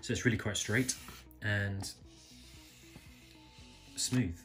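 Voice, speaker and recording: Low-voiced guy doing a relaxed knife review, keeps correcting himself, music in the background. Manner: thinking aloud, self-correcting, unhurried. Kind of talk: casual product review narration. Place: indoors at a table, filming hands close up.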